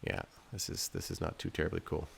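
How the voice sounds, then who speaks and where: He talks quickly in a low, creaky voice with big pitch swings, and a little hiss or hum is audible. A game developer hosting a video of his own game, he delivers loose commentary, thinking aloud and mocking himself.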